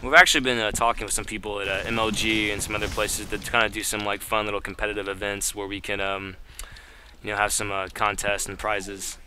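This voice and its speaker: A man's voice: on the low side, little pitch movement, brisk, sharp tone, a little hiss or hum. A man hosting a developer live stream, reading viewer questions aloud and joking around with lots of fillers. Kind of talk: casual live-stream banter.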